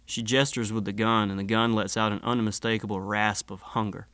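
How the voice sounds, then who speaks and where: A man's voice: on the low side, little pitch movement, fairly quick, pushed and bright, smooth, no echo. A man narrating a first-person story in a laid-back, wry and profane way.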